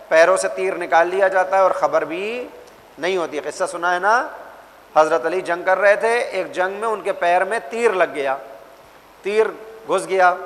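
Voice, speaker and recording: Male religious teacher, high voice, storytelling class, reverberant hall. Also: a bit bright. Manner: storytelling, acts out voices in anecdotes. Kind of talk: religious class for young people.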